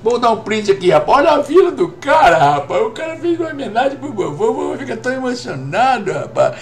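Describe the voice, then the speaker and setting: Very high-pitched and very animated, with vocal fry, a fast-talking Brazilian man in his fifties banters with his stream viewers as he plays. He speaks Brazilian Portuguese and throws in "rapaz" constantly.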